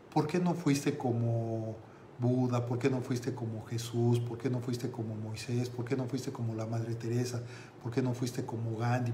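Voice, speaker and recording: A man voicing an earnest young male lama who answers his teacher in a measured way. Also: medium pitch, mellow, a little hiss or hum, lightly acted. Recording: roomy with faint ambience.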